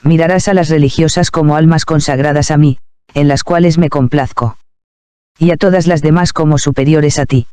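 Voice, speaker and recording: A man reading a stern, gentle divine voice. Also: on the high side, fairly even intonation, normal speed, clean tone, no echo, natural voice. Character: stern, tender male divine voice.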